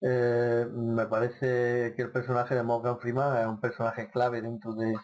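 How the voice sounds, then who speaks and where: A man's voice: medium pitch, completely flat delivery, a little slow, a little mellow. A man hosting a radio talk show, asking questions about a film in a hesitant, thoughtful way with many fillers. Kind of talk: casual radio interview.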